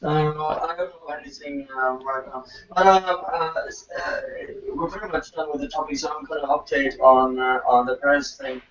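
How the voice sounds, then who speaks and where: A man hosting a livestream, giving a halting, hesitant news update over a muffled call line that makes him sound underwater. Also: fairly high pitch, fairly even intonation, a bit bright. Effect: muffled, underwater-sounding online call audio. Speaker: stream host. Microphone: remote voice call.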